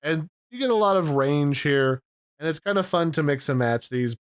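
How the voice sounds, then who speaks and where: A man's voice: fairly high pitch, lively intonation, moderate pace, clear, resonant tone, no room sound, studio quality. A man giving a casual, explanatory demo of audio mixers, pointing out their controls, recorded at home. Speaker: tech reviewer. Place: home room.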